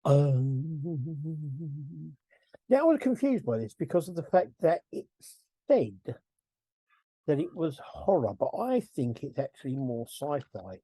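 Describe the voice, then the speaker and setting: A man's voice: a little high, sing-song, slow, warm tone, breathy edge, no echo. A middle-aged man hosting a casual film review podcast, rambling, chuckling and correcting himself as he goes. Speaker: podcast host.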